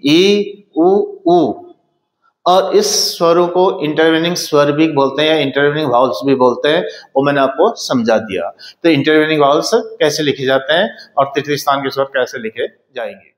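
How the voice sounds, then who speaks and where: A man teaching a shorthand lesson in speech, explaining step by step and often pausing to check understanding. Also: a little high, roomy sound. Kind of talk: classroom lesson.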